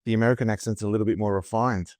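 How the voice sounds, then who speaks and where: Australian male guest, low voice, dead dry recording, steady and friendly. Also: rapid-fire, no room sound. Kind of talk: podcast interview.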